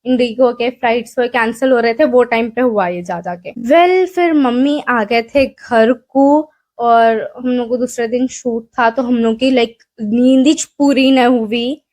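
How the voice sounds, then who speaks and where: A young woman vlogger with a Hyderabadi accent, telling a story in a casual, rambling way with lots of fillers, recorded on a mic in a small room. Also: a little high. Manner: chatty, rambling, self-deprecating, many fillers.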